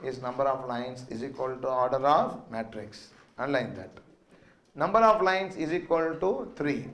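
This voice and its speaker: A man's voice: mid-range voice, animated, moderate pace, fairly bright tone, slight background noise. A middle-aged man with a South Indian accent lecturing a maths class, repeating phrases for note-taking and quizzing students. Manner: quizzing, prompting questions to students. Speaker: maths teacher.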